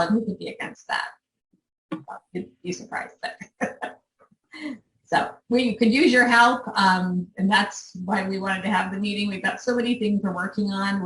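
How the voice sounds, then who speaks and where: Older woman organizer, halting and heartfelt, mid pitch, roomy sound from a distant mic. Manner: earnest, halting, emotional. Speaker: volunteer organizer. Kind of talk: speaking to a meeting.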